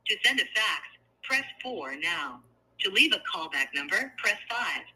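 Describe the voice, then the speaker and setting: A man's voice: sits high, sing-song, measured pace, pushed and bright. A man's recorded voice giving automated voicemail instructions, heard through a tinny phone line. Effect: automated voicemail system prompt heard through a phone.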